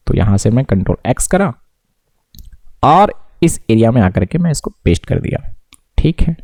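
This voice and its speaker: A man's voice: lowish voice, vocal fry, mellow, no room sound. A man giving a casual screen-recorded coding lesson, mixing English tech words into his talk and often checking whether the viewer follows. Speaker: coding tutor.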